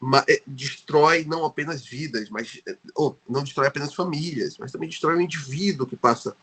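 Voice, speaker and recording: A brisk, fairly high-pitched man's voice, a bit bright and slightly rough, belongs to a Brazilian guest researcher on a podcast interview. He speaks Portuguese with a Brazilian accent. Frequent fillers and restarts make him sound hesitant.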